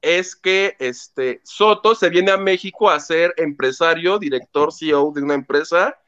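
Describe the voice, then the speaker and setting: A man hosting a casual gossip chat, retelling a plot in an animated way and acting out the quotes. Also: on the high side, unhurried, smooth, muffled recording. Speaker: host.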